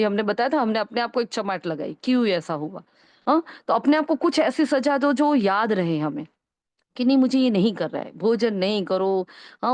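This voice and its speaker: A woman's voice: medium pitch, a little mellow, no room sound. A woman spiritual teacher giving an earnest, coaxing talk and answering a question, often asking "right?" to check on her listeners.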